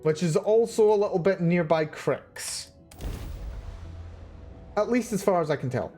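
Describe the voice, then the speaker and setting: A man with a somewhat high voice commentates his gameplay live, chatty and prone to wandering off into musing tangents. He talks from his seat indoors, with faint game music underneath. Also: animated, measured pace, dark tone. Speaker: let's play streamer.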